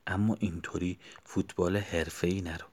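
A man reading as a soft-spoken devout young man. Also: sits low, steady tone, very noisy, natural voice. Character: calm devout young man, gently advising a friend.

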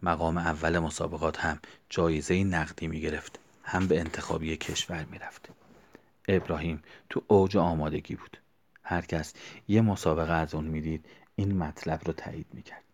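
A man narrating a story in a quiet, hushed way that often drops near a whisper. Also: a bass voice.

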